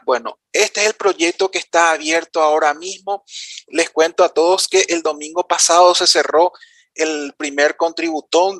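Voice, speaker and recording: A man with a Paraguayan Spanish accent gives a conference-room presentation, walking through ideas step by step in an informal style aimed straight at his audience. His voice is fairly high and a bit bright, with no echo.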